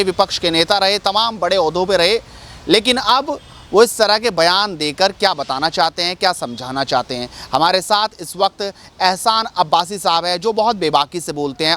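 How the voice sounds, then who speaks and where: A man's voice: high voice, a bit bright, slight background noise. A man hosting a news interview, asking a guest pointed, probing questions.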